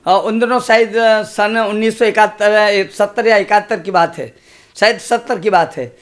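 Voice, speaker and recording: A man's voice: sits high, fairly even intonation, normal speed. A man in his sixties, a comic poet reciting humorous verse on stage, repeating lines and making chatty asides to the audience.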